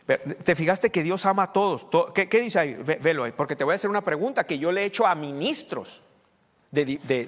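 A man preaching a conversational sermon. He talks emphatically and moves between hushed asides and loud outbursts. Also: on the high side. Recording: long hall reverb.

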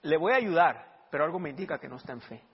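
A man preaching as a pastor, telling stories and acting out the dialogue loudly. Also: fairly high pitch, fast, breathy edge. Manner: animated, acts out dialogue loudly. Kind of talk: sermon with storytelling. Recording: dull reverberant hall recording.

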